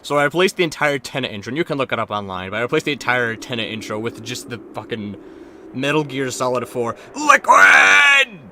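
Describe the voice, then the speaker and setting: A man's voice: mid-range voice, quick pace, few pauses, sharp tone, slight background noise. A man chatting casually as a gaming streamer, rambling and joking with plenty of swearing. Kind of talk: casual chat while playing and reading game dialogue.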